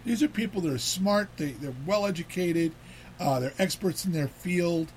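Male host, slightly high voice, loose chatty delivery with many restarts. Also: normal speed, slight background noise. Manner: rambling, repeats words, animated. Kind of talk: casual talk show chat.

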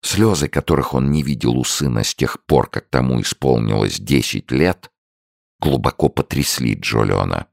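A man narrating a literary novel as an audiobook in a measured, expressive way. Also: extremely low pitch, creaky, no room sound, studio quality.

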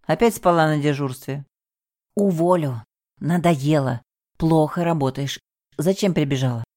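A woman's voice: low voice, a little slow, mellow. Woman voicing a bossy scheming hotel manager. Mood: commanding. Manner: curt, commanding, falsely soothing.

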